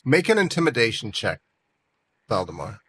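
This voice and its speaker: Bright-voiced man narrating a tabletop game. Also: medium pitch, big pitch swings, breathy edge. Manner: easygoing, halting narration with fillers. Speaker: dungeon master.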